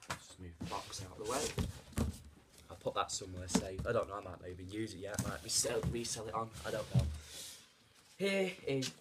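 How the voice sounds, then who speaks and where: This young British man, a young adult hosting an unboxing vlog in a carpeted living room, talks fast and expressively in a voice on the low side, chatting to camera without a script. A camera a short distance away picks him up, and the audio is noisy, with clicks.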